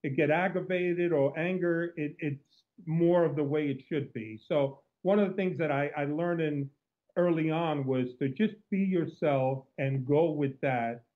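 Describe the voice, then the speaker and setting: A man from Cuba with a Cuban accent, a former undercover agent, is a guest in an interview conversation heard over a tinny, phone-like line. His voice is on the high side and his pace measured, and he tells stories in an outgoing way with frequent restarts.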